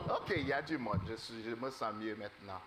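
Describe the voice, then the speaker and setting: A man preaching in a church, telling a fable to the congregation in an animated, halting way and quizzing them. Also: on the low side, over a noisy crowd. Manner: animated, asks the congregation questions; halting, many fillers. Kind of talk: sermon storytelling.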